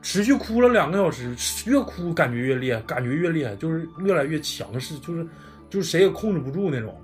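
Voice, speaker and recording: A man's voice: on the high side, very animated, fairly quick, soft background music. A man with a Northeastern Chinese accent telling a true ghost story in casual podcast chat, blunt and swearing freely.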